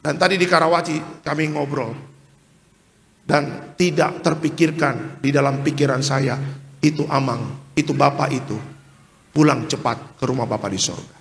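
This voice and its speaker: A man preaching a sermon as pastor, animated, with acted-out quotes. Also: on the high side, normal speed, creaky, in a large hall, slight background noise. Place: church hall.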